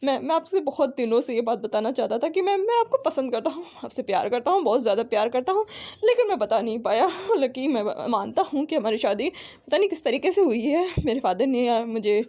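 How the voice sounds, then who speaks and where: A woman narrator doing a timid young male student with a high, fluttery voice. He stammers and repeats himself, his words tumbling out in a nervous rush. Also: little pitch movement, slow, creaky, a little mellow, exaggerated voice. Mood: blurted confession. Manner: stammering, flustered.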